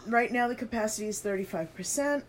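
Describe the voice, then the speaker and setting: A woman's voice: on the high side, normal speed. A woman co-hosting a podcast, reading an article aloud and adding her own casual remarks, with the hiccups. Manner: reads aloud and adds asides, with fillers. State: has the hiccups. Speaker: podcast co-host reading news.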